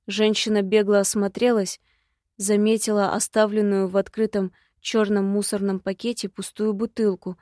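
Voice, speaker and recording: A woman's voice: mid-range voice, a little mellow, dry recording, studio quality. Woman reading an audiobook evenly. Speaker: audiobook narrator. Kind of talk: scripted narration.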